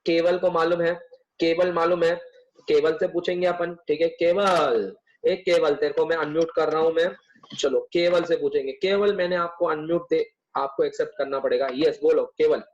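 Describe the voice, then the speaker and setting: Online tutor, young man, high voice, chatty and teasing. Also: fairly even intonation, moderate pace, muffled recording, a little hiss or hum. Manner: chatty, teasing, coaxing students. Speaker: commerce tutor. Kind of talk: live online class.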